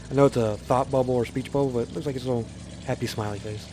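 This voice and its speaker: A man's voice: mid-range voice, fairly even intonation, racing, dark tone, slight background noise. A man hosting a let's play, reading a game's story text aloud in a plain voice and breaking off for joking asides. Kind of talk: casual game reading commentary.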